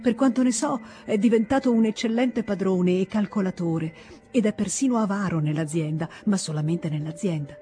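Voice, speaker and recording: A woman's voice: medium pitch, moderate pace, natural voice. Earnest young noblewoman, as a female reader voices her. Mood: fond. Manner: earnest, confiding, gently pleading. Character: young noblewoman, tender, secretly anxious. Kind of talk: audiobook character voice.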